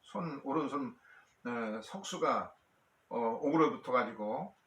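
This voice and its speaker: A male pastor preaching a sermon and telling a story, with frequent pauses and fillers. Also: mid-range voice, expressive, a bit bright, echoey room, far from the mic.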